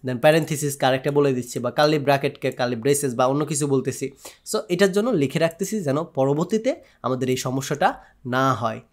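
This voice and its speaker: A man with a Bangladeshi Bengali accent teaches programming over a screen share. He walks through each step in a steady, explanatory way. He slips English technical words into his Bengali as he talks. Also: on the high side. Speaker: programming tutor. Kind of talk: screen-share coding tutorial.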